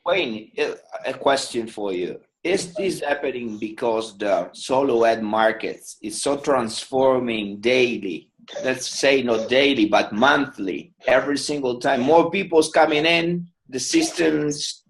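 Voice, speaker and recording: Male, medium pitch, halting, webinar participant, spontaneous questioning. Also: low-quality recording. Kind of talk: spontaneous question on a group call.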